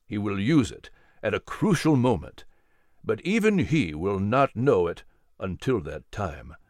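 Brief: reader as low, solemn male mentor. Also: big pitch swings, darkish tone, no echo, studio quality. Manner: grave, measured pronouncements. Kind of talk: storybook character voice.

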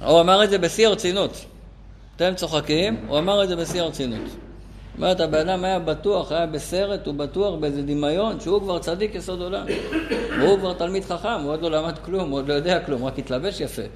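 A man teaching a lesson to a live class, telling a story animatedly, his voice jumping up for emphasis. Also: slight background noise. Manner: animated, pitch jumps up for emphasis. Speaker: Torah teacher.

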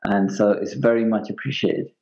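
Man, podcast host, very mellow tone, lowish pitch, informal interviewing, lo-fi muffled audio. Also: fairly even intonation, normal speed. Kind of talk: conversational interview. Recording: dull, muffled lo-fi sound.

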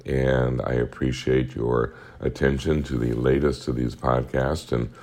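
Very deep gravelly-voiced man, hoarse. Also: flat delivery, a little slow, a little mellow. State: hoarse, tired voice from two weeks on the road. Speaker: podcast host, economic analyst. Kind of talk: podcast market outlook monologue.

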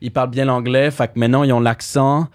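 A young man with a Québécois French accent, chatting casually as a podcast host, relaxed with many fillers. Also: mid-range voice, fast talker, dry recording, clean studio sound. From Quebec. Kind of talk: casual conversation.

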